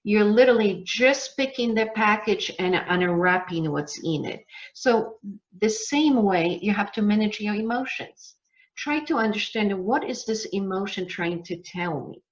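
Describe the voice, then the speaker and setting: A woman business coach gives a live online masterclass in an emphatic, motivational way, slowing down to stress key words. Her mid-range voice has lively intonation, and the sound is lo-fi.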